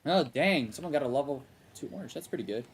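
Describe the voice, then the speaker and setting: Lively young Texan game streamer. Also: male voice, medium pitch, fast, slightly rough. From Texas. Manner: rambling, answers chat, laughs often. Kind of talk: casual live-stream chat.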